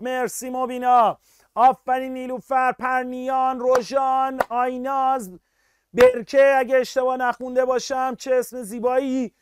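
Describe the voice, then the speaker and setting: A man teaching a live online physics class, energetic and upbeat, constantly urging students to answer and praising them. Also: very high-pitched, background noise.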